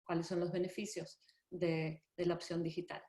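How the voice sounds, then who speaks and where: A woman interpreting consecutively in an online presentation, careful and pausing as she translates. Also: lowish voice, flat delivery, warm tone. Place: indoor room on a video call. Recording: roomy, echoey video-call sound.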